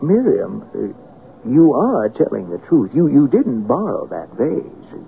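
An actor playing a mild, trusting husband with a hesitant, genteel manner in a radio drama. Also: male voice, medium pitch, huge pitch swings, slow pace, creaky, a little hiss or hum, full character voice. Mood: uneasy. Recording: muffled phone-like radio recording.

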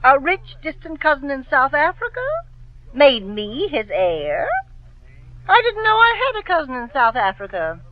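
A woman's voice: sits high, sing-song, moderate pace, dry recording. A woman playing a gullible, overconfident housewife in a 1940s radio drama, flustered and hesitant. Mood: surprised. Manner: flustered, hesitant, easily swayed. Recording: tinny 1940s radio broadcast.

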